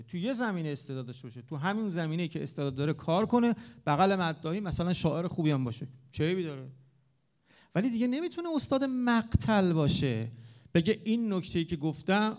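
Here a speaker on religious eulogy singing gives a fiery talk before an audience, his fairly high voice still sounding warm and smooth. The delivery is lively, with abrupt jumps from insistent, loud rises down to gentle, low murmured asides.

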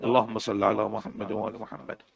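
A man preaching an emotional mourning sermon, moving between hushed, tender passages and loud, chanted lament. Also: on the low side, completely flat delivery, creaky, highs cut off.

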